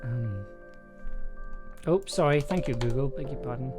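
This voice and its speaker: With music and keyboard clatter in the background, a streamer casually thinks out loud while composing a story live. The voice is medium-pitched and measured, and the manner playful, musing, and giggly.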